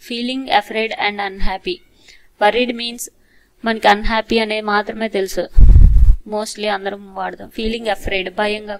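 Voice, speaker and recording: A woman teacher with a Telugu accent, explaining a textbook lesson and reading English definitions slowly before explaining them in Telugu. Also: mid-range voice, low-quality recording.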